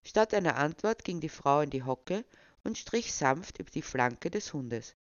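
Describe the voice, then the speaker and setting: A storyteller reading a short story aloud in an even, measured way. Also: medium pitch, dry recording. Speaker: narrator. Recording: dull, dry recording.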